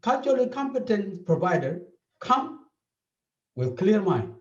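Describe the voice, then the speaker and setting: Speaking unhurriedly in a high, sing-song voice, a therapist from South Sudan lays out his points with earnest repetition during an interview. His South Sudanese accent comes through a dull, echoey recording made from a distance.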